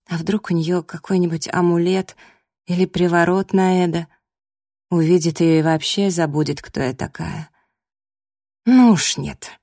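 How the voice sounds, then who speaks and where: A woman reading a first-person audiobook in a lively, expressive storytelling manner, close to the mic. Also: fairly low pitch, dry recording. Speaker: audiobook narrator.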